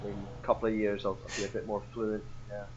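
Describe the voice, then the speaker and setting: A man's voice: lowish voice, little pitch movement, fast talker, darkish tone, slightly rough. A man from Scotland with a mild Scottish accent, a band front man chatting casually in an interview, rambling, repeating words and laughing easily. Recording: dull lo-fi sound.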